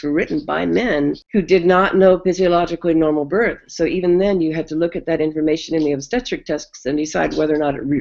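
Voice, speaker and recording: Older gravelly-voiced American woman midwife. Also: low voice, muffled recording. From United States. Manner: animated, acts out quoted voices, many restarts. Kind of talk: oral history storytelling.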